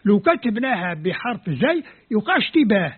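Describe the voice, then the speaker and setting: Over tinny, phone-like lo-fi audio, a man lectures in a high, sing-song, slightly rough voice at a brisk pace. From Algeria and a native Kabyle speaker, he explains in Arabic with an Algerian accent, taking letters and words apart step by step like a scholar.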